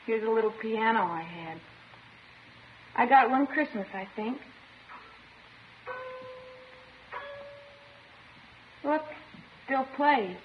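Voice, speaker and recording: This woman's voice sits on the high side and moves at a measured pace, staying close to her everyday voice. She plays a petulant, emotionally detached schoolgirl, sullen, defensive and childlike, who confesses to police in a 1950s radio crime drama. The old recording is muffled and noisy.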